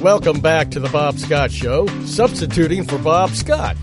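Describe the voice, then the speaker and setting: A man playing a smooth radio host, announcing the return of a talk show. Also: a little high, a little slow, close to an everyday voice. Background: loud music.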